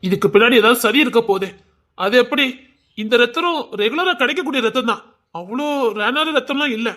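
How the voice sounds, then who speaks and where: A hospital doctor played by a man in a web drama, calm and reassuring. His voice is high and bright, and he has a Tirunelveli Tamil accent. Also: fairly quick. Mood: puzzled.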